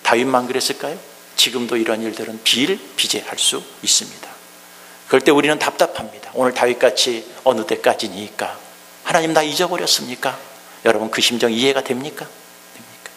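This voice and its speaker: A man's voice: medium pitch, brisk, slight background noise. Male pastor, Sunday sermon, plays the mockers in quotes; long hall reverb. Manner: acts out mocking enemies in quoted speech; repeats key phrases, swings between loud and hushed. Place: church sanctuary.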